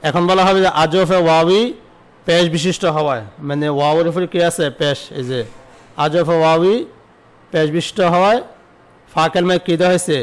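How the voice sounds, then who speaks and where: A male teacher gives an online grammar lesson in a smooth, resonant voice pitched a little high. He poses questions and answers them himself. He repeats each word form slowly. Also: steady tone.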